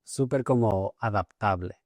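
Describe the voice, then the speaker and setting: Hesitant low-voiced male host, dry. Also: a little slow, darkish tone, no echo. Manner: thoughtful, many hesitations and repeated words. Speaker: podcast host. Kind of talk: casual interview conversation.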